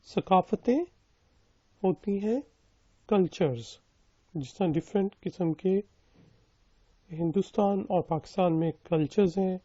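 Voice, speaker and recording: A man with a high, warm voice gives a language lesson, pausing often as he repeats each sentence several times and breaks it down word by word before explaining what it means. The recording is dry, with the highs cut off.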